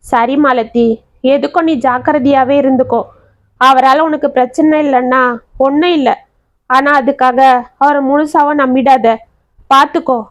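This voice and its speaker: Woman doing a worried schoolteacher, high and urgent. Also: fairly even intonation, a little slow, long pauses. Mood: cautioning. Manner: anxious, probing questions. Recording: dry, slightly dull audio.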